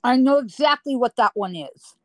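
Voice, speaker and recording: A woman guest telling a personal story in an interview, slow and dramatic with drawn-out emphasis. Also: on the high side, animated, no echo, rough recording. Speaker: guest recounting paranormal experiences.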